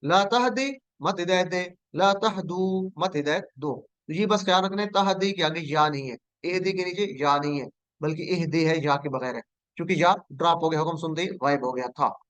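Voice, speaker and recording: A man's voice: fairly high pitch, brisk, a bit bright, clear, resonant tone, no echo. A man teaching an online class, leading call-and-response drills and patiently inviting students to answer.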